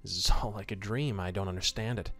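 A man voicing a broke, despairing young man who confesses in a halting way. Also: lowish voice, a bit bright, pitched below the performer's own voice.

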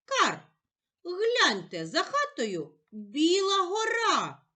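A woman putting on a high cawing crow. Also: huge pitch swings, slow pace, fairly bright tone, exaggerated voice. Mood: exclaiming.

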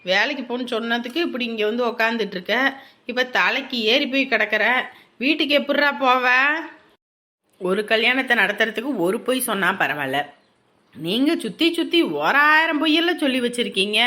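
A woman playing a friend who scolds and mocks a boastful groom, in a sharp teasing way. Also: a little high, fairly quick. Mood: scolding. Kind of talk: web drama acting.

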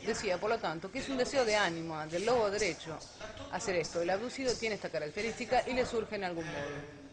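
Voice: medium pitch, lively intonation, fast talker. Explaining speaker over crowd noise. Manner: explanatory, rhetorical questions. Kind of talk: lecture on alien abduction.

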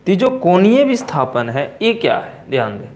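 A man with a Bihari accent teaching physics in a coaching classroom, repeating key terms slowly and asking and answering his own questions. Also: high voice, big pitch swings, darkish tone. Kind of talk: classroom lecture at a board.

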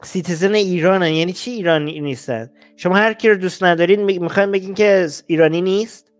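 Brief: male host, reaction commentary, blunt and exasperated, slightly high voice. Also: faint music behind. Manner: blunt, exasperated, rising heat.

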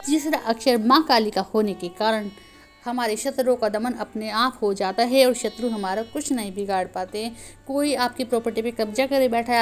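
A woman's voice: a little high, darkish tone. A woman hosting a channel, earnestly explaining a devotional practice and speaking directly to her viewers. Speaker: spiritual teacher, channel host. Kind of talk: devotional instruction.

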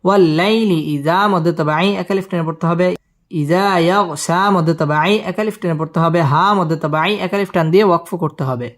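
A man teaching Quran recitation: he spells each word letter by letter, recites it slowly and drawn out, and explains the pronunciation rules quickly in between. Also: a little high.

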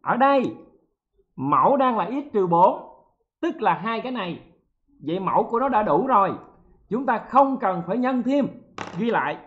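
A man's voice: high voice, normal speed, long pauses, muffled recording. Joking male math teacher. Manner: lively, joking, checks in often with the students. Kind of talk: online exam-prep lesson.

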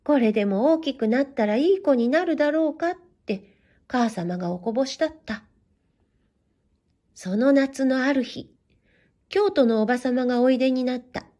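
Mellow, gentle woman storyteller. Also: sits high. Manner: gentle, measured storytelling in a warm, old-fashioned tone. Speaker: narrator reading a children's story. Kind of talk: scripted storybook narration.

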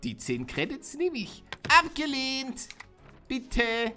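A man's voice: fairly high pitch, very animated, moderate pace, fairly bright tone, faint music behind. A man with a German accent giving jokey let's play commentary, reading game text aloud. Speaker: gaming YouTuber.

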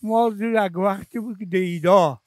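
A man's voice: sits high, no echo. An older man with an Afghan Dari accent, a veteran singer, reminiscing emotionally and a little rambling as a guest on a TV chat show. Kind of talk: casual TV chat. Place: TV studio.

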